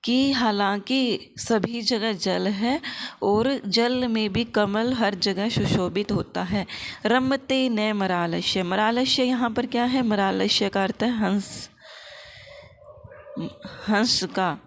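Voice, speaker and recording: A woman teaching an exam-prep lesson, explaining by asking and answering her own questions and reciting verses slowly. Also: mid-range voice. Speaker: Sanskrit teacher.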